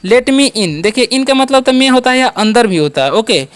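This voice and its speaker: A man's voice: very high-pitched, expressive, normal speed, clean tone. A man teaching English pronunciation, who spells words out letter by letter and asks and answers his own questions. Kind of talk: spoken English lesson.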